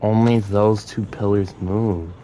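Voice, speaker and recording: A man giving casual gameplay commentary, thinking aloud in a halting, puzzled way. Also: lowish voice, fairly even intonation, dark tone, a little hiss or hum, poor audio. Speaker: gaming streamer.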